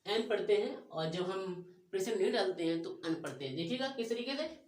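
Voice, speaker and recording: A woman with a Hindi accent teaching a grammar lesson, drawing out her English example sentences slowly. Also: mid-range voice, lively intonation, a little mellow, roomy sound.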